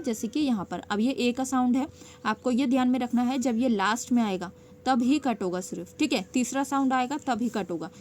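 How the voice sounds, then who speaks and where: A woman teaching a stenography lesson, explaining each step patiently and often pausing to check that it is clear. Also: on the high side, darkish tone, a little hiss or hum. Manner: patient, checks in with frequent "okay" and "theek hai".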